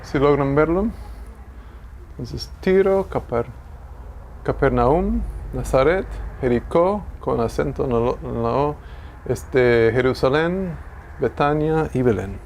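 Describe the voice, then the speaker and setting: A man's voice: medium pitch, lively intonation, slow pace, creaky, darkish tone, slight background noise. A man teaching a classroom Bible lesson, thinking aloud, correcting himself and asking the class questions.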